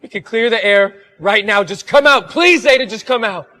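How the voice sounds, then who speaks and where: An actor playing an anguished husband searching for his missing wife, shouting and pleading in a short drama. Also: mid-range voice, expressive, normal speed, husky, no room sound. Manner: shouting desperately, bitter.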